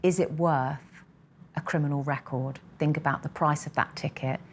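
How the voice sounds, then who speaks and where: A woman's voice: deep voice, fairly even intonation, moderate pace, slight background noise. A woman giving a formal interview statement as an official spokesperson.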